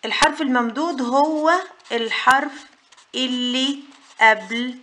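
A woman with an Egyptian Arabic accent, her voice sitting a little high, teaches a step-by-step lesson. She poses a question and then answers it herself in a patient, explaining way. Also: unhurried, pushed and bright. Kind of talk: whiteboard lesson for mothers.

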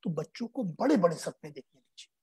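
A man's voice: on the high side, big pitch swings, brisk, a little mellow, slightly rough. An older man from Uttar Pradesh, India, giving earnest, explanatory interview answers as a guest and slipping English phrases into his speech. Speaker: guest science popularizer.

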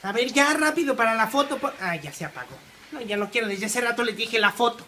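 A woman's voice: fairly high pitch, lively intonation, quick pace, crowd noise. A woman with a Mexican Spanish accent acting out exaggerated comedy sketches, switching between mother and child roles.

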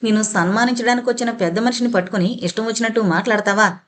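A woman's voice: fairly high pitch, rapid-fire, natural voice. A woman voicing a stern senior army major who scolds and demands answers. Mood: reproachful.

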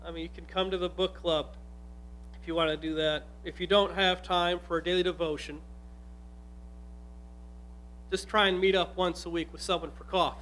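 A pastor in his forties gives an earnest, conversational sermon with asides, speaking into a stand microphone at the pulpit of a church hall with an altar table. His voice is high-pitched, level, brisk and a bit bright, with a little hiss or hum.

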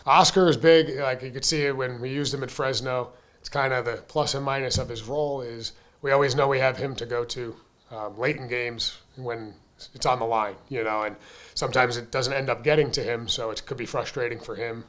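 Speaking into a desk mic on a stand, a man in his thirties fields questions at a postgame press conference in a press room with a sponsor backdrop behind him. He responds as a baseball coach, brisk, candid and conversational, dropping lots of "um" and "you know." His ordinary mid-range pitch climbs with energy whenever he stresses a key point.

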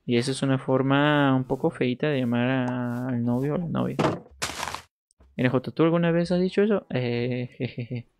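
A man's voice: medium pitch, moderate pace, darkish tone, slight background noise. A man casually commenting on his gameplay, chatting with viewers and playfully coaxing animals in a sing-song voice. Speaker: gaming streamer.

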